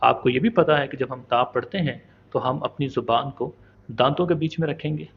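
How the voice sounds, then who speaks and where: A man teaching the pronunciation of Arabic letters in a patient, step-by-step lesson, slowly demonstrating and repeating each sound. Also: medium pitch, gravelly, muffled recording, a little hiss or hum. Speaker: Quran recitation teacher.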